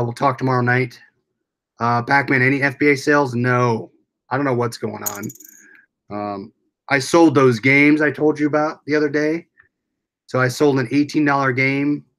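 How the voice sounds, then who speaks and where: A man's voice: mid-range voice, steady tone, normal speed, a bit bright. An American man hosting a casual livestream, rambling along as he reads and answers viewers' comments aloud. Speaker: livestream host.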